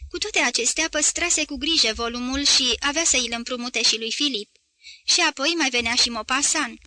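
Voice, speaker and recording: A woman narrating a literary novel as an audiobook, with a measured, even delivery. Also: high-pitched, dry recording.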